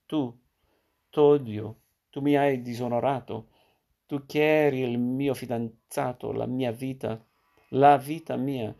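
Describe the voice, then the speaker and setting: A man's voice: medium pitch, creaky, mellow. A man reading the lines of a bitter, anguished captive man in a story. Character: betrayed, hateful man pleading.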